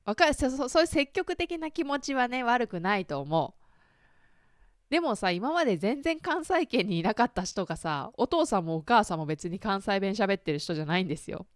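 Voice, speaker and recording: Lively chatty woman host. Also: medium pitch, a little fast, no echo, clean studio sound. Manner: chatty and self-deprecating, many fillers and asides to listeners. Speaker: podcast host. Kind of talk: casual chat.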